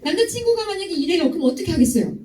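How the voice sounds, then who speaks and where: A woman's voice: extremely high pitch, racing, slight background noise. A young woman giving a youth sermon in a church hall, telling stories and teasing students with questions. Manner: lively, teasing, asks students directly. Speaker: youth ministry speaker. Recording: echoey hall, voice from far off.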